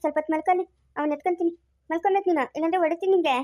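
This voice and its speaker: A woman's voice: very high voice, steady tone, racing, dark tone, no echo, clean studio sound. A woman playing a mother in a family moral drama, scolding and coaxing her children. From Karnataka, India.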